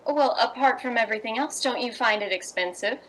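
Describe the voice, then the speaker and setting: Woman playing a worldly playwright's wife, fairly high. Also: brisk, fairly bright tone, rough recording. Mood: friendly, brisk. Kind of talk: 1950s radio drama acting.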